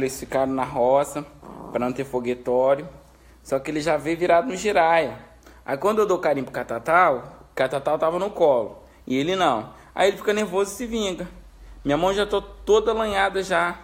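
High-voiced man cooing at his dog. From Espírito Santo, Brazil. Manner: doting baby talk to his pet, pleading and soothing. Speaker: pet owner streaming live. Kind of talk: casual live-stream chat.

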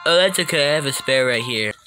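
A man putting on the voice of a big, gentle, simple-minded cat who talks slowly and cheerfully. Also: medium pitch, animated, natural voice. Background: background music.

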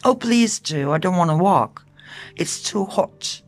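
Turkish woman reading a tourist at the front desk, low voice, slow and careful. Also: lively intonation. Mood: asking. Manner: reading dialogue lines aloud for a class.

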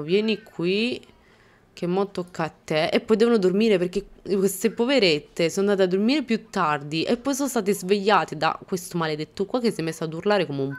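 A young woman hosting a casual let's-play, talking over her game and scolding the characters with mock exasperation. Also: on the low side. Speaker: gaming channel host.

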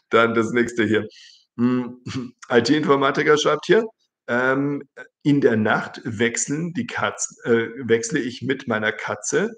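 A middle-aged man teaching German on a live stream, reading viewers' comments aloud and correcting them in a chatty way, from a webcam in his living room. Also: mid-range voice. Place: indoor living room with a large plant.

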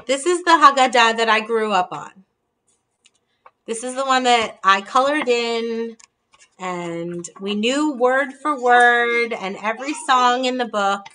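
Her voice is fairly high and sharp in tone, and she speaks slowly. She's a woman in her thirties on a casual laptop video call from her dining room, presenting holiday table ideas and showing books as she talks. Her manner is friendly, holding the books up while explaining.

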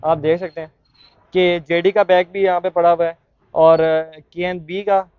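Here a young vlogger with a Pakistani Urdu accent leads a walking market tour through a sports market and shop, chatting away with plenty of fillers and restarts. His voice is high-pitched, clear and resonant, with a level tone and moderate pace. The audio is dry, narrow and tinny.

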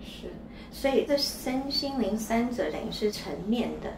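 A woman interviews a teacher, asking her questions politely and deferentially. She sounds set back from the microphone, in an echoey room with clear background noise. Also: a little high, expressive, moderate pace, far from the mic. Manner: deferential, often affirming with short replies.

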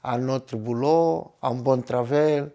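Soft-toned man speaking careful learner's French. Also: mid-range voice, slow pace. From Guinea-Bissau. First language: not French. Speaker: language course participant. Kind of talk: interview testimony. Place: classroom indoors.

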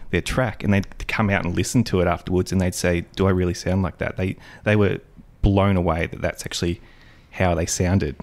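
A man's voice: deep voice, a little mellow. A man hosting a podcast interview, friendly and often restarting his questions. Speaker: podcast host.

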